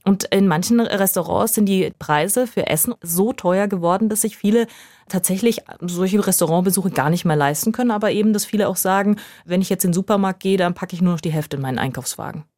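A woman reporter explaining events in a relaxed conversational way, using everyday examples from her own life. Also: medium pitch, fairly quick, no echo, studio quality. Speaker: foreign correspondent guest. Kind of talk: conversational podcast interview.

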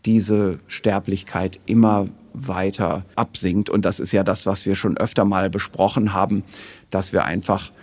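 Gravelly-voiced man explaining in a podcast. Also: deep voice, flat delivery, a little mellow. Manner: measured, careful explanations. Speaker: expert guest. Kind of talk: podcast interview, explaining data.

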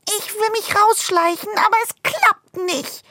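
A tiny jittery squirrel, squeaky and flustered. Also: female voice, unhurried, sharp tone, no room sound, clean studio sound, heavily acted. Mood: frustrated. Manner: high, trembling, flustered. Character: small timid jittery squirrel.

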